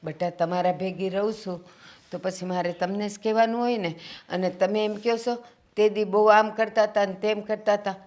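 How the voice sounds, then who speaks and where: An actress playing a gentle, pleading, ailing mother-in-law in a Gujarati stage play. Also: medium pitch, steady tone, normal speed, close to an everyday voice.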